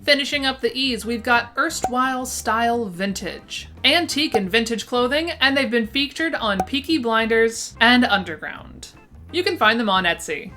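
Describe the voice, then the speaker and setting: A woman's voice: a little high, animated, normal speed, sharp tone. A woman with a lisp that makes her s slushy, enthusiastically presenting a scripted roundup list. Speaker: presenter of a vintage shop roundup. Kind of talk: upbeat scripted list narration to camera. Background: background music.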